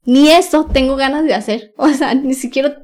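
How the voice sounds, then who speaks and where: Young Mexican woman guest with a slightly high voice, candid, slangy, lots of fillers. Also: normal speed, a little mellow. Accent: Mexican Spanish. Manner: slangy, frank, with many fillers and nervous laughs. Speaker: podcast guest. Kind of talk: candid personal storytelling.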